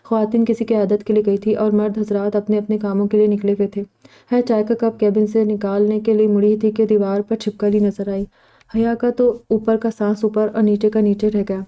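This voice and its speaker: Audiobook narrator, woman, steady, very mellow tone, little pitch movement. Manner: steady, even storytelling. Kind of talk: scripted novel narration.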